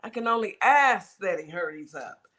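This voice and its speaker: Emphatic talk show host, bright voice. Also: mid-range voice, expressive, moderate pace, a little hiss or hum. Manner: emphatic, repeats points for weight. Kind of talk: casual radio talk show chat.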